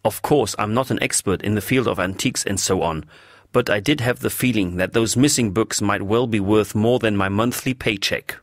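A man's voice: on the low side, moderate pace, no room sound, studio quality, lightly acted. A man playing a wry, genial detective. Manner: polite, wry, jovial. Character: polite, genial Scotland Yard detective, man.

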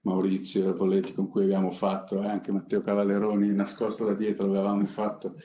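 A middle-aged man presenting a project on a panel, speaking off the cuff in a halting, conversational way with frequent pauses. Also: low voice, monotone, mellow, a little hiss or hum. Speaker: company innovation director presenting a project. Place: conference room seated at a panel table. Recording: echoey conference room.

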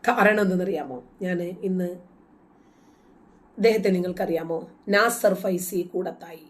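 A woman's voice: fairly low pitch, measured pace. A woman with a Malayali accent giving scornful commentary, full of mocking rhetorical questions, sometimes chanting quoted verses. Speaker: host. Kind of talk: casual commentary.

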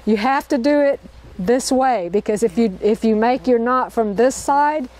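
A woman with a slightly high, somewhat mellow voice teaches a group to tie knots in a park, taking her time. Upbeat throughout, she repeats every step and checks in with the people she's demonstrating for.

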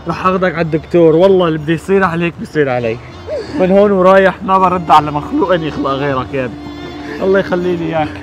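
A man's voice: on the high side, rapid-fire, muffled recording, over music, lightly acted. A man playing an impatient grown son in a street drama, with a curt, dismissive way of talking. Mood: remorseful. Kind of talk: amateur street drama acting.

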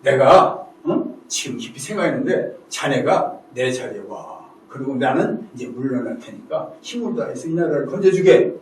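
A man's voice: medium pitch, animated, normal speed, few pauses, slight background noise, lightly acted. A man voicing a selfless, earnest ancient minister who pleads with his king, recorded from a distance in an echoey room. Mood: warm.

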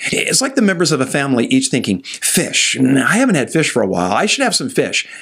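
A man's voice: on the high side, husky. A man in his sixties, a pastor, teaching church history to camera in a scripted, storytelling way with asides to the viewer, recorded on a studio mic in a study. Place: indoor study with bookshelves. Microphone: studio mic in front of him.

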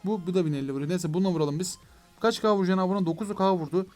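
A young man giving excitable let's play commentary on a mobile game, talking to his viewers and to the game, with mock frustration when things go wrong. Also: high voice, rapid-fire, faint music behind. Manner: excitable, addresses viewers as "gençler". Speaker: gaming YouTuber.

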